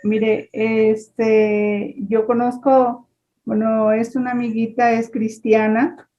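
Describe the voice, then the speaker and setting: A woman's voice: fairly high pitch, level tone, slow pace, highs cut off. A woman telling a story in an online class, rambling with many fillers. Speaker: class participant.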